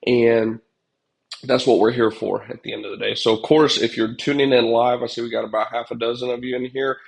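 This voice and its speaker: A young man who owns a pest control business hosts a casual livestream, chatting to his viewers with a stuffed-up, congested voice. His medium-pitched, gravelly speech has little pitch movement, runs a little fast, and rambles with lots of fillers.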